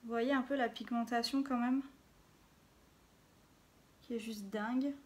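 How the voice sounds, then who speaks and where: Chatty woman vlogger, slightly high voice. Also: fairly even intonation, measured pace, darkish tone. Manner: chatty, fills gaps with little interjections while working. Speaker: beauty vlogger. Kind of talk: casual makeup tutorial talk. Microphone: phone camera.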